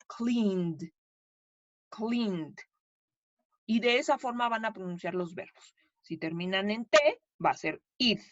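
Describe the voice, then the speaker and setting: A woman's voice: medium pitch, no room sound. Woman, Mexican Spanish accent, English teacher, patient, chatty, dry dull recording. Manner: patient, chatty, checks in with "¿sí?" and "¿sale?". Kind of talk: classroom explanation lesson.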